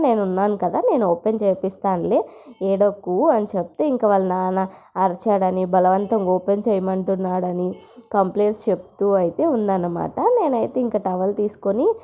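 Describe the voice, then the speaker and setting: A woman talks through her morning routine in a chatty, running-commentary way. Her voice has a mellow, darker tone at a middle pitch, relaxed and conversational. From India. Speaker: vlogger and mother. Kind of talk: casual home vlog narration.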